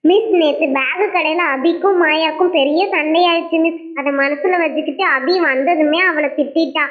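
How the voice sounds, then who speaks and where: Lady doing a sensible schoolgirl doll, matter-of-fact and calm, high voice, tinny phone-like sound. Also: moderate pace, close to an everyday voice.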